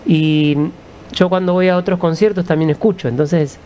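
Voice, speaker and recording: A man with an Argentine accent, a musician guest, answering in a calm, reflective storytelling way. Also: high-pitched, moderate pace, slight background noise. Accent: Argentine Spanish.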